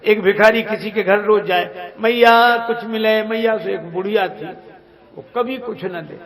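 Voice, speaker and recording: High, gravelly-voiced man preaching a sermon. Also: measured pace. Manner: acts out quoted characters with shifting voice and pitch. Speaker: Ram Katha preacher. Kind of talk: storytelling sermon. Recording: live discourse before a large audience. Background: audience laughing.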